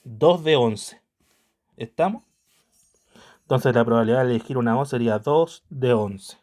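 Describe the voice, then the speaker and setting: A man's voice: medium pitch, normal speed, darkish tone. A man teaching an online math lesson, patient and checking in with his students at almost every step. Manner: patient, checks in constantly with tag questions.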